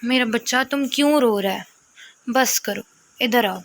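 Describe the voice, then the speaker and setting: A woman voicing a protective young elder brother, stern with his sibling and gently coaxing with his sister. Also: very high-pitched, vocal fry, dry recording, exaggerated voice. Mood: tender. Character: protective elder brother, young man, fierce but tender.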